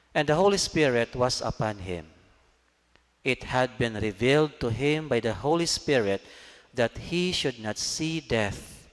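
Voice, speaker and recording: Slow solemn priest in cathedral echo. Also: male voice, medium pitch. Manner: slow, measured, formal. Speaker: priest reading the Gospel at Mass. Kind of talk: solemn liturgical scripture reading. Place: large church, amplified. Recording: cathedral echo, long church reverb.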